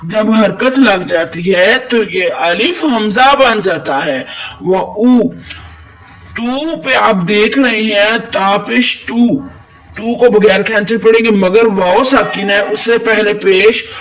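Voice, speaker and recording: A man's voice: high-pitched, fairly bright tone, far from the mic, rough recording. A man teaching Quran recitation with a Pakistani Urdu accent, patiently explaining letters and drawing out recited syllables. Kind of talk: tajweed lesson, spelling out letters.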